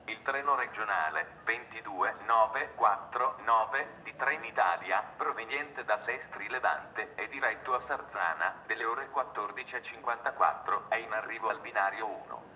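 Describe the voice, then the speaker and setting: A man giving formal, clipped train station announcements over a station loudspeaker. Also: lowish voice, moderate pace, hardly any pauses, muffled recording. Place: outdoor railway platform. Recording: loudspeaker with clear background noise.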